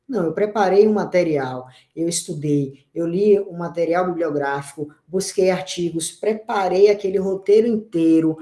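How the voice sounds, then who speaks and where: A middle-aged Brazilian man teaching an online course, his voice mellow and soft-edged. He explains step by step, asks rhetorical questions and shifts his intonation. The sound comes through a computer mic with a roomy echo. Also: high-pitched. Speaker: university lecturer.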